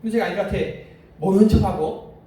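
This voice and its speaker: Preaching in a church sanctuary, this male pastor speaks fairly quickly in a high, mellow voice. He keeps the sermon conversational, asking the congregation questions and telling stories from home, and the distant mic catches the hall's echo.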